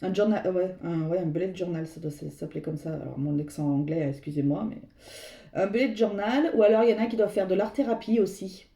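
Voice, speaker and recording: Here a tarot reader speaks in a lowish, creaky, dark voice, moving quickly with few pauses. Talking straight to her viewers, she wanders through the reading and searches for words, with roomy echo around her.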